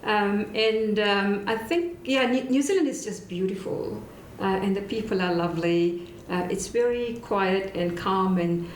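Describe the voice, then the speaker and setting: A woman's voice: medium pitch, measured pace, roomy sound, slight background noise. Middle-aged Sri Lankan-born woman, chatty guest. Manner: friendly, laughs often, many fillers. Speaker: university recruitment director, guest. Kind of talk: casual interview.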